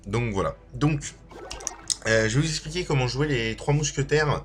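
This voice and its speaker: A man with a mid-range voice and a slight slushy s lisp talks through gameplay at normal speed, informal and a bit hesitant. He's a gaming video creator and streamer, with music playing behind him.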